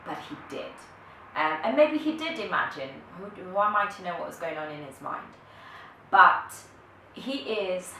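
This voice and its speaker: Low, bright-voiced woman in echoey room. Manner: earnest, thinking aloud with restarts. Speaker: vlogger. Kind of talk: motivational talk to camera. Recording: echoey room, distant from mic, faint noise.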